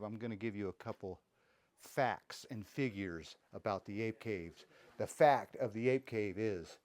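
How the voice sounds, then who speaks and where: A man casually narrating his own travel vlog in a playful, jokey tour-guide way, filming on a handheld camera. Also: fairly low pitch. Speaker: travel vlogger. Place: cave and outdoor mountain trail.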